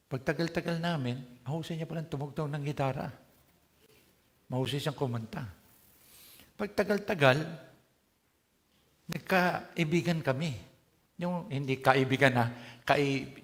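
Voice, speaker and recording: A man's voice: a little high, measured pace, pauses often. A man with a Filipino accent preaching a sermon, moving between Tagalog and English and putting questions to his congregation. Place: church hall. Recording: long church hall reverb.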